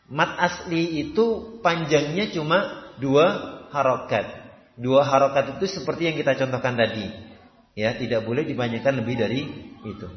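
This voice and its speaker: A man's voice: medium pitch, normal speed, pauses often. A man teaching Quran recitation in a mosque lesson, patient and repetitive, often checking with his listeners. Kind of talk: religious study lesson. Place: mosque hall. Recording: echoey, dull mosque hall recording.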